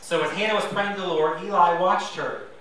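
A man preaches in a relaxed, conversational way, tossing self-deprecating asides to his congregation. His voice sits high and sounds bright and lively. The mic is set back, so the church hall echoes heavily around him. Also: fairly quick, recorded from a distance, slight background noise. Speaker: pastor. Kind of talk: sermon. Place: church sanctuary.

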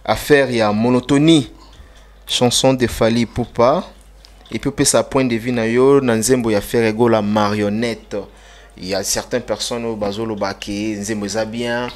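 Interviewer guy, lots of euhs, mid-pitched voice, short prompts. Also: steady tone, moderate pace. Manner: brief prompts, hesitant fillers, mixes French and Lingala. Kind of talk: casual interview talk.

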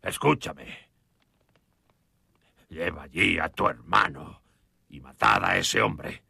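An actor in a dubbed film playing a wounded, vengeful frontier father who barks harsh orders at his sons, with a husky, gravelly voice. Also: very deep voice, lively intonation, slow, bright, forceful tone, no room sound, clean studio sound, exaggerated voice. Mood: scolding.

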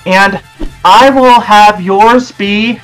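A young man in casual gameplay chat, explaining things in a halting, conversational way. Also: high-pitched, a bit bright, faint music behind, low-quality recording. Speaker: gaming challenge player.

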